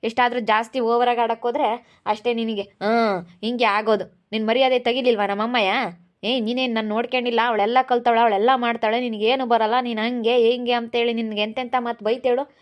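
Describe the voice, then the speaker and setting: A woman's voice: on the high side, flat delivery, a little fast, highs cut off, lightly acted. A woman playing an aggrieved young village husband. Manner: complaining, aggrieved, repeats the same grievance. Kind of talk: amateur village drama acting.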